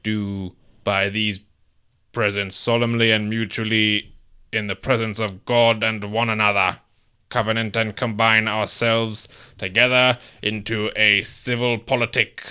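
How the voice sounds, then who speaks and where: A grand old-timey reader, put on by a man reads with slow, stately weight. The voice sits low and sounds smooth and resonant. Every phrase is drawn out as if proclaimed before a crowd. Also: little pitch movement, bright, forceful tone. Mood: solemn.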